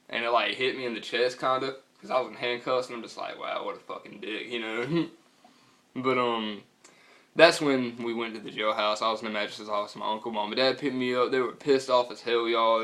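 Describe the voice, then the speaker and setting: A man's voice: mid-range voice, steady tone, brisk, a bit bright. A young man with a Southern US accent telling a story casually in a slangy, profane, rambling way. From North Carolina, US.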